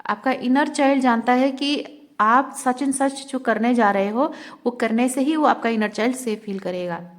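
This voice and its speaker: Woman, intuitive reader. Slightly high voice. Slow, searching spiritual guidance monologue. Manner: slow, searching, mixes Hindi and English.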